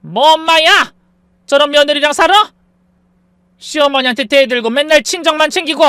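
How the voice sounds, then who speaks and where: A woman's voice: high-pitched, normal speed, sharp tone, no echo, voice pushed up. A woman voicing a domineering older mother-in-law who talks with scorn and scolds. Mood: scornful. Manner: scolding, contemptuous.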